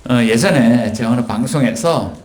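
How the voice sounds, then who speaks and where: A man preaching a sermon as pastor, telling stories and acting out quoted lines with sudden jumps in pitch. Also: normal speed, darkish tone. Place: church sanctuary. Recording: echoey church hall.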